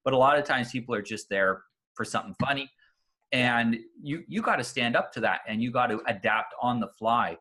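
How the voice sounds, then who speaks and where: Husky-voiced man with a bright edge. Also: mid-range voice, animated, a little fast. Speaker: interview host. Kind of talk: casual interview conversation.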